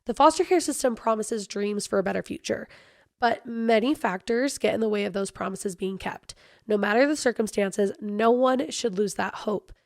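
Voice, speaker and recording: A woman hosting a podcast with a hoarse, worn-out voice, talking in a chatty, bubbly, casual way. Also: medium pitch, normal speed, dry recording, clean studio sound. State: hoarse, voice nearly lost. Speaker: podcast host.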